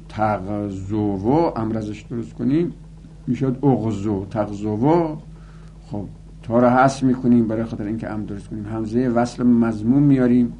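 Guy teaching grammar, sing-song reciting forms one after another, light hum in the back. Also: medium pitch. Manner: recites word forms in rhythmic chanted lists. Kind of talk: recorded lesson on Arabic grammar.

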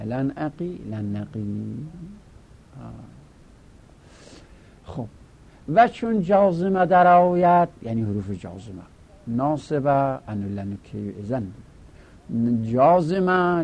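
A male teacher giving a grammar lesson, drilling word forms aloud and repeating them slowly for students. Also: mid-range voice, creaky, breathy edge, dull audio.

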